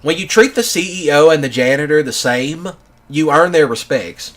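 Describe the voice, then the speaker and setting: This thirty-something gaming channel host speaks at a normal speed, his voice on the high side, expressive and a bit bright. His long, casual personal story wanders, crowded with fillers and plenty of "you know"s.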